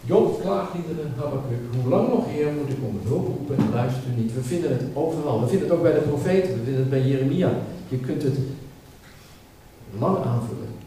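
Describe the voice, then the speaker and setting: A man's voice: on the high side, lively intonation, brisk, mellow, a little hiss or hum. A man preaching a sermon, emphatic and given to repeating words as he builds a point. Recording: echoey hall, speaker far from mic.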